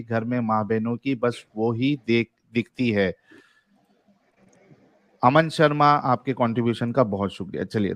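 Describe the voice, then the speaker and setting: A man's voice: medium pitch, no echo. A man hosting a livestream debate show. He reads viewer messages aloud in a casual, joking way and laughs often. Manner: jokey, laughs often while reading comments.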